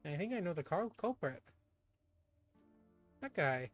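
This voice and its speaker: A man giving casual let's-play commentary in a slightly high voice. He rambles loosely and drops the odd swear while he explores. Soft game music plays beneath him. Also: sing-song, measured pace. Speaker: gaming streamer.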